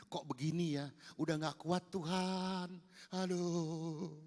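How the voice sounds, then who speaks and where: A middle-aged male pastor preaching a sermon, animated, moving from hushed asides to loud exhortation. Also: a little high, takes it slowly. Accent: Indonesian. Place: large church hall. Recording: long church reverb.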